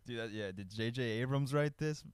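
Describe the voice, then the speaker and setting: A man's voice: medium pitch, fairly quick, clean tone. A young man co-hosting a podcast in casual chat, laid-back and rambling, full of "dude" and "like". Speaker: podcast co-host.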